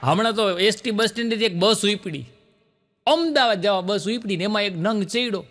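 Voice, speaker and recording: A man telling jokes on stage, quick rural punchlines, jumping in pitch for the characters he quotes. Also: fairly bright tone. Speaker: stand-up joke teller. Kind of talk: comic storytelling.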